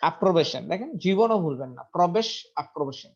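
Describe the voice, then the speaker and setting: A man's voice: sits high, expressive, fast, a little mellow. A man teaching English vocabulary in a casual lesson, repeating each word several times and checking pronunciation aloud. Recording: dull lo-fi recording.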